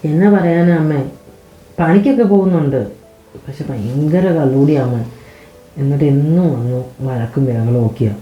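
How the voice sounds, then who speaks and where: A woman's voice: deep voice, normal speed, dull audio, natural voice. A woman playing a tired young married daughter who complains about her hard life. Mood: weary. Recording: echoey room.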